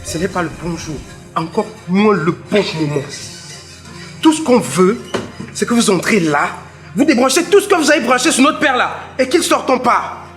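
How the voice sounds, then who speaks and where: Actor plays an insistent young son, Cameroonian accent, animated pitch, confrontational. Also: male voice, normal speed, faint music behind. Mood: firm. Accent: Cameroonian French. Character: impatient young adult son, demanding answers. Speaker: son of the patient.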